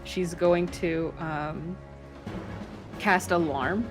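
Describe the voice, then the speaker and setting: Hesitant slow-talking woman player, music behind. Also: lowish voice, fairly even intonation. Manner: hesitant, many ums, trails off. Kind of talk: casual chat while playing a tabletop game.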